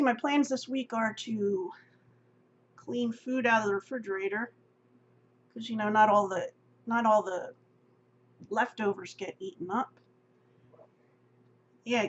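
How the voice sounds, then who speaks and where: A middle-aged woman vlogging in a rambling, self-deprecating casual chat, often laughing. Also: on the high side. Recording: dull lo-fi audio with faint hum.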